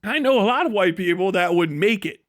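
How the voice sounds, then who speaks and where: Talking fairly quickly in a high-pitched voice, this man hosts a livestream where he rants casually, swears, gets sarcastic, and acts out pretend dialogue with animation.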